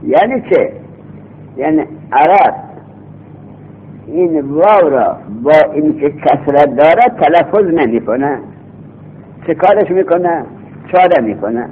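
Husky man teaching from lo-fi tape. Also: a little high, animated. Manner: repeats each rule slowly, then explains in quick bursts. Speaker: teacher of Arabic grammar. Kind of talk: classroom lecture. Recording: lo-fi cassette tape, thin phone-like sound.

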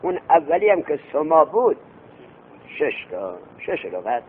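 A man teaching a classroom lecture on Arabic grammar, telling an anecdote, quizzing his students and chanting the text slowly. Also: on the high side, sing-song. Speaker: religious seminary teacher. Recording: tinny lo-fi lecture recording with hum.

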